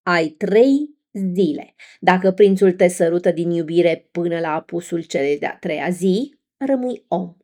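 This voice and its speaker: A woman's voice: fairly low pitch, darkish tone, lightly acted. A woman voicing a scheming female sea witch who drags out her words as she bargains. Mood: sly. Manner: slow, drawn-out bargaining.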